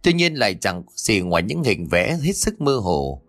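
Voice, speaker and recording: A man narrating an audiobook story in steady scripted storytelling. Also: lowish voice, moderate pace, faint music behind.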